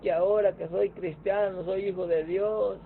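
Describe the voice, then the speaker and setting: A pastor mimicking a whining churchgoer. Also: male voice, high voice, steady tone, normal speed, gravelly, slight background noise, pitched above the performer's own voice. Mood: whiny. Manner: complaining, sighing "ay". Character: whining male churchgoer complaining about faith. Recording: tinny phone-like sound.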